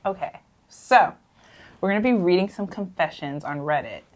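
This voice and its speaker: A young woman co-hosting a casual podcast, giving measured opinions in long runs. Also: on the low side, expressive, very noisy. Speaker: podcast co-host. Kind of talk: casual chat.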